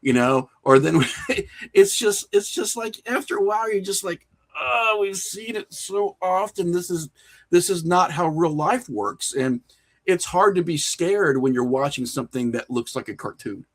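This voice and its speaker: Guesting on a podcast, this middle-aged horror filmmaker and writer speaks in a high, animated voice at a moderate pace. He's casual and opinionated, rambling as he works out what he thinks.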